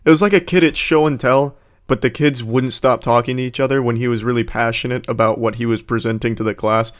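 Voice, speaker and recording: A man's voice: mid-range voice, fairly even intonation, fast. A man giving sarcastic, mocking commentary on rap battle clips. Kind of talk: comedic reaction commentary.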